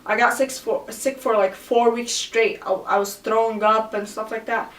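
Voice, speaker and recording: A chatty woman vlogger tells a personal story in a casual, filler-heavy way, her voice sitting a little high. She is recorded from a distance in an echoey room. Now and then she jumps into high shrieks for the people she quotes. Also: little pitch movement, moderate pace, fairly bright tone.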